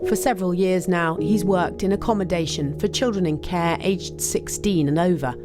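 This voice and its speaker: A woman news reporter gives a measured, serious scripted narration. Her voice sits a little low. A clear music bed plays under her words.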